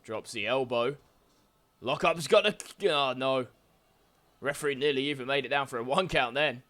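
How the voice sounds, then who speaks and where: A man giving excited play-by-play commentary over a wrestling video game, calling each move as it happens with frequent exclamations. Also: medium pitch, normal speed.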